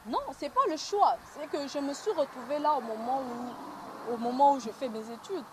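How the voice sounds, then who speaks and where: In a high-pitched voice at a moderate pace, a young woman with a Congolese accent responds conversationally as an interviewed film actress. She is from the Republic of the Congo, and the location sound around her is noisy.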